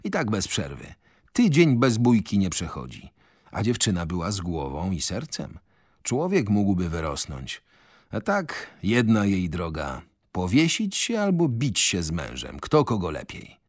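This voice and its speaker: A man narrating a novel on radio in a measured, expressive way. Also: sits low, no room sound, clean studio sound. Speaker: radio reader. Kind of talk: literary narration. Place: radio studio. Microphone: studio mic.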